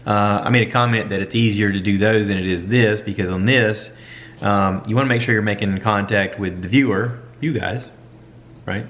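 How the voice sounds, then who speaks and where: Low-voiced man chatting casually to camera. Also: steady tone, moderate pace, a bit bright. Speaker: podcaster vlogging to camera. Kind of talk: casual chat, stream of consciousness. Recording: dull lo-fi camera audio, light background noise.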